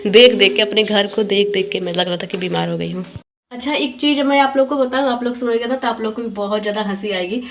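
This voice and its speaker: Chatty young woman vlogging at home. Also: medium pitch. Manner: chatty, storytelling, giggly asides. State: feeling unwell. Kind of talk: casual vlog chat. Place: home, moving between rooms and rooftop.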